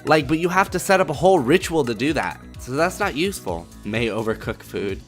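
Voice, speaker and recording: A man hosting a video game let's play, commenting in a profane, excitable and jokey way. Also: medium pitch, brisk, faint music behind.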